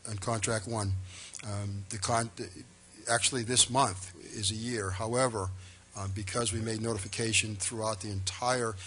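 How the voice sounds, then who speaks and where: A man's voice: on the low side, fairly even intonation, normal speed, fairly bright tone, slightly rough. A man, a town official, answering a board's questions at a public meeting in an emphatic, reassuring, formal way.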